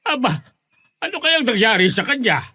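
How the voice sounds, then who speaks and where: A man voicing a concerned middle-aged father in a horror audio drama, speaking in a steady, worried tone. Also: extremely high pitch, normal speed, husky, dry recording, studio quality, heavily acted.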